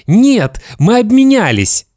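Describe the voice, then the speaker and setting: A small, excitable boy who cannot stop pleading in a high, bright voice, as a man reading a storybook puts him on. The reading is unhurried and the sound is dry and close. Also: dry recording, exaggerated voice. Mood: eager. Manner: eager, high and pleading, turns tearful.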